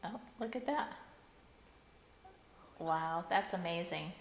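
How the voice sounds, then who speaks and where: A woman with a lowish, creaky voice comments casually during a ghost hunt. The room is echoey and reverberant, with faint noise behind her. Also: takes it slowly. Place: inside an old general store at night.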